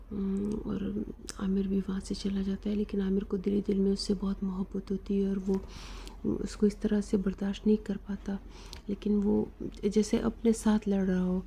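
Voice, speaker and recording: A woman narrating an episode recap of a drama, retelling the plot with fillers and pauses. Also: mid-range voice, vocal fry, mellow, a little hiss or hum.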